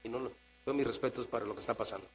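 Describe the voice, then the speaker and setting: Mexican-accented male pastor, mid-pitched, conversational preaching that swings quiet to emphatic, low electrical hum under it. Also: very fast, low-quality recording. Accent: Mexican Spanish. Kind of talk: sermon. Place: church. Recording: mains hum in the background.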